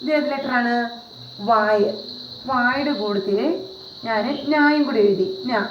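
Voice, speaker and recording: A woman with a slightly high voice teaches a video lesson, patient and repetitive, often posing questions to her viewers. The recording is roomy and dull, with a faint hiss behind her. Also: unhurried. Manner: patient, repeats and asks rhetorical questions. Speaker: Hindi teacher. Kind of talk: classroom-style video lesson.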